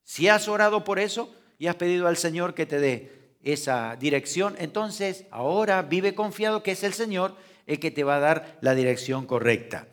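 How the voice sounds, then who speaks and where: Male pastor, slightly high voice; a dynamic church sermon with soft and loud stretches and questions to the congregation. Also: expressive, moderate pace. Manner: dynamic preaching, swings from soft to loud emphasis; asks the congregation rhetorical questions.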